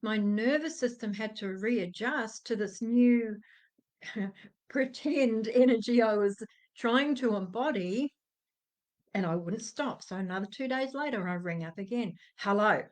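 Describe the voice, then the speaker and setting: Aussie woman, middle-aged, chatty storyteller, slightly high voice, does the voices in her story and laughs a lot. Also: a little slow. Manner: animated, acts out quoted dialogue, laughs often. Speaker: energy coach. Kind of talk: personal storytelling to camera.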